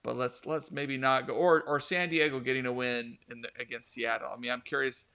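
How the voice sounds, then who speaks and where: Bright-voiced male soccer show host. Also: mid-range voice, steady tone, fairly quick, smooth. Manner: rambling, many restarts and fillers. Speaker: podcast host. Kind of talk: casual sports talk.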